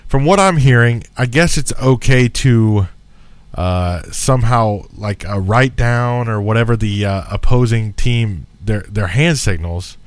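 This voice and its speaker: A man's voice: medium pitch, a little slow, clear, resonant tone, no echo. A man hosting a casual talk radio show, chatty and easygoing with lots of filler words. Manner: easygoing, chatty, laughs often, many fillers.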